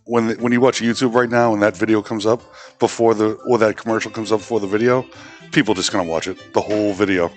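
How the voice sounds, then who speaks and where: A man's voice: on the low side, steady tone, quick pace, faint music behind. A man with a Massachusetts accent chatting as a podcast guest in an easygoing, jokey way. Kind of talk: casual chat.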